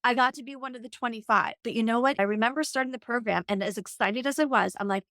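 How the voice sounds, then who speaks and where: A woman in her forties, a coach appearing as a podcast guest, tells her story earnestly and reflectively, dropping "like" again and again. Her voice is on the high side, quick, pushed and bright. The studio recording is clean with no room sound.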